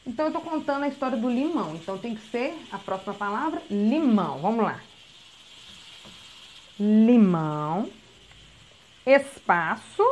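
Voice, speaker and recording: A woman with a voice on the high side, a literacy teacher, gives a recorded lesson, explaining patiently step by step and often checking in with a quick "tá?". The audio is poor, with a little hiss or hum.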